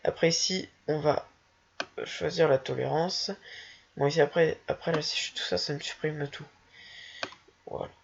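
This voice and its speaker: Gravelly, husky voice walking through software. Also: mid-range voice, fairly even intonation, normal speed, pauses often. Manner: hesitant, thinking aloud, self-mocking. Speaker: tutorial maker. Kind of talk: casual screen-recorded software walkthrough. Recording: dull lo-fi home recording.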